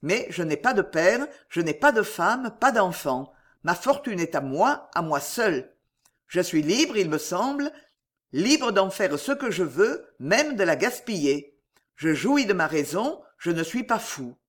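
Reader doing a young duke, proud and fiery, pitch jumping all over as he insists. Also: sing-song, a little slow. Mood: indignant. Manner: impassioned, insistent. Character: young male duke, proud and hot-tempered. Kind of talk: audiobook character reading.

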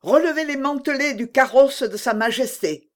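A reader voicing a bold young male musketeer who gives brisk orders. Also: mid-range voice, big pitch swings, a bit bright, pitched above the performer's own voice. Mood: commanding.

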